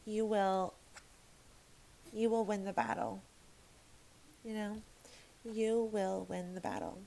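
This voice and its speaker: A woman's voice: mid-range voice, steady tone, slow pace, vocal fry, mellow, slight background noise, rough recording. A woman giving a casual tarot reading to camera, frank and emphatic, swearing freely and rambling with restarts. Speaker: tarot reader.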